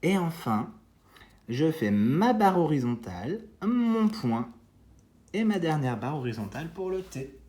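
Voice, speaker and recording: A man teaching young children at home, slowly talking them through cursive handwriting step by step and encouraging them. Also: a little high, big pitch swings, dark tone, roomy sound. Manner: slow, step-by-step guiding, encouraging. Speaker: kindergarten teacher.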